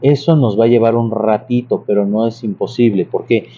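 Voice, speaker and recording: A man whose voice sits on the low side, warm and at normal speed, teaches singing informally as a church music teacher. He explains with patience, often starting over and giving many examples along with sung demonstrations, and the audio is dull, somewhat lo-fi, with faint noise.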